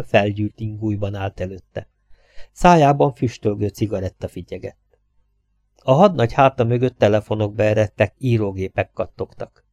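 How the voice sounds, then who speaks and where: Mellow-voiced male audiobook narrator. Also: medium pitch, no room sound, clean studio sound.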